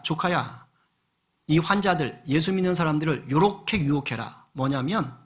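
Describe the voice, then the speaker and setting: A male senior pastor giving a lively sermon in church, acting out voices and asking the congregation questions. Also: on the high side. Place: church sanctuary.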